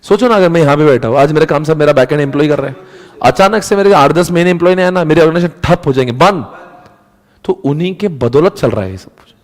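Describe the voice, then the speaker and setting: A man's voice: a little high, animated, quick pace, in a large hall. A man teaching a casual lecture in a chatty, conversational way, acting out little quotes as he goes. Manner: chatty, mixes Hindi and English, acts out quotes.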